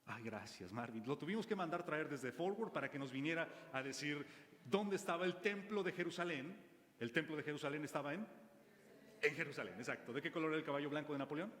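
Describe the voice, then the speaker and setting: Male preacher, higher voice, animated and joking with the congregation, long church reverb. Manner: animated, jokes with the congregation, slows for scripture quotes. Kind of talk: sermon. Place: church hall.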